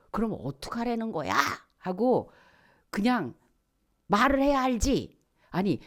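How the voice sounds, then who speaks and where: A woman pastor preaching in a church, her voice sitting fairly low. She is animated, acting out the voices of people in her examples. She often sinks into hushed, almost whispered words to drive a point home. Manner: drops to hushed, near-whispered words for emphasis. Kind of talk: sermon.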